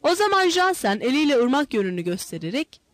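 A woman narrating an adventure story aloud in a measured, expressive audiobook reading. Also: sits high, no echo.

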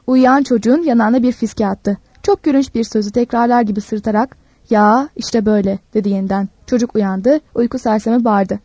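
A woman narrating a story in a calm, measured reading. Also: fairly high pitch, breathy edge, no room sound.

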